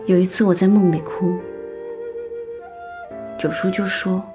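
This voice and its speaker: A young actress playing a spirited, outspoken young woman who talks briskly and teases in a period TV drama. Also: lowish voice, music in the background, natural voice. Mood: gentle. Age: young adult. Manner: brisk, lively and teasing. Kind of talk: dubbed TV drama dialogue.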